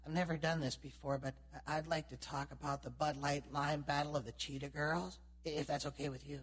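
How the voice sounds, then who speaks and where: A man's voice: a little high, little pitch movement, brisk, slightly rough. A man playing a shy, hesitant first-time hotline caller in a radio ad. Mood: nervous. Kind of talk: radio ad acting.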